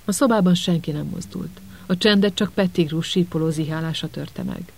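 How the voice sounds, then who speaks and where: A man narrating an audiobook with steady, dramatic storytelling. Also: on the high side, gravelly, low-quality recording.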